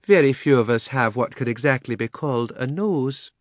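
She-elephant: gentle, proper, thoughtful, raised voice, by a male reader. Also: medium pitch, lively intonation, moderate pace, dry recording, clean studio sound, voice pushed up, lightly acted. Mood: musing. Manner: mild and thoughtful.

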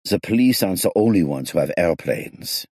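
A man's voice: sits low, lively intonation, moderate pace, darkish tone, dry recording, studio quality. A man reading an audiobook, voicing a smug, self-pitying middle-aged male criminal in a raised, whining voice. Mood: wistful.

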